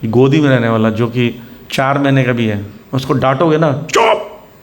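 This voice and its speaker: A man giving a devotional lecture as a spiritual teacher. He explains patiently, often checks in with his listeners, and acts out scolding and gentle voices in his examples. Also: mid-range voice, normal speed.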